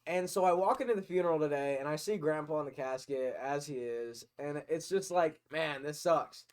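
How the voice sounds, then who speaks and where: A man's voice: fairly high pitch, normal speed, smooth. A young man, a podcast guest, telling a long rambling story in casual chat. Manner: rambling storytelling, loud when laughing.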